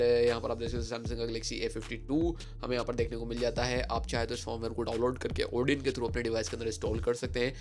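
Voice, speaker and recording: A man at an ordinary mid pitch talks through a phone software update in a loose, chatty explainer style. He hesitates often and drops English phrases into his sentences. Soft music plays faintly underneath. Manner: chatty, many fillers, mixes English phrases into Hindi. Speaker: tech channel host. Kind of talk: casual tech explainer.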